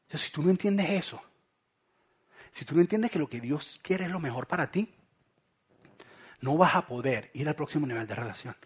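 A man preaching a sermon, swinging from loud calls to hushed, low lines. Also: lively intonation, moderate pace, long pauses, breathy edge. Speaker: pastor.

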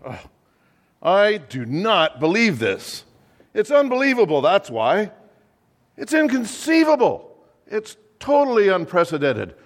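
A man playing a fussy biblical-era undertaker who pitches his business with exasperated, theatrical sales patter. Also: long reverb tail. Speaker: comic monologue performer. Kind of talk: comic character monologue.

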